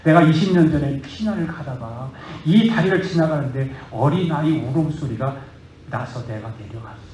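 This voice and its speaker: A gentle older father speaks softly and gravely, put on by a male pastor. His voice stays low and hushed. It rings in a roomy church hall. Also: normal speed, lightly acted. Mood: solemn.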